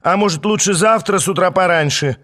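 A man voicing a shrill, blunt and impatient young queen in an audiobook, with a raised, demanding tone. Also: fairly quick, a bit bright. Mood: brusque. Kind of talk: audiobook character voice.

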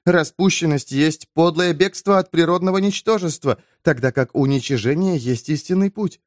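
A man voicing a young male preacher who lectures and rouses a crowd in a high, excitable voice. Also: normal speed, no room sound, clean studio sound, close to an everyday voice. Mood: lecturing. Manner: preaching, rousing, high-strung.

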